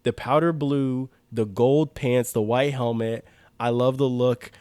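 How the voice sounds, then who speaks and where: A man's voice: medium pitch, fairly even intonation, measured pace, darkish tone, clear, resonant tone, no echo. A young man co-hosting a podcast, chatting casually about sports uniforms, eager, with many "like" fillers and restarts. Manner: enthusiastic, lots of "like" fillers and restarts. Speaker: podcast co-host.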